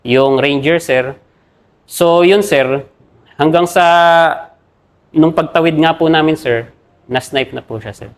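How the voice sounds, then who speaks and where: A young army captain from the Philippines, with a fairly high voice, recounts combat in an interview. He speaks haltingly and deferentially, adding "sir" after nearly every phrase.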